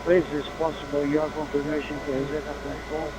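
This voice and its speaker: A man's voice: on the high side, flat delivery, fairly quick. Brazilian man over a crackly radio. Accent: Brazilian Portuguese. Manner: formal and polite, spells out call signs in phonetic letters. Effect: heard over a shortwave radio link. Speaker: ham radio operator. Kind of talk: radio contact exchange, spelling call signs. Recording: noisy radio reception, heavy static.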